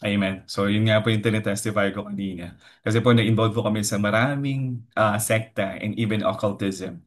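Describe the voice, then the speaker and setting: A man in his thirties from the Philippines shares a devotional testimony in a deep, low baritone. He speaks earnestly and politely, pausing often on fillers as he recalls his story. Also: steady tone. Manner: earnest, mixes English into his talk, frequent fillers and "po". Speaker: lay preacher giving a testimony.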